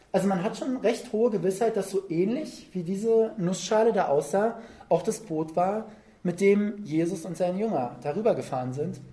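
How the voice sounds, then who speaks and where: A preacher talks through a Bible passage in a loose, chatty way, painting the scene with lively storytelling. The delivery is informal and full of small check-in questions to the listeners. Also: medium pitch. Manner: conversational, vivid storytelling with tag questions. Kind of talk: sermon.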